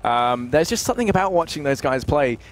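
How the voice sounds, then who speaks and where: A man's voice: fairly high pitch, lively intonation, brisk, soft background music, rough recording. A man giving wordy, enthusiastic esports analysis in a casual broadcast chat.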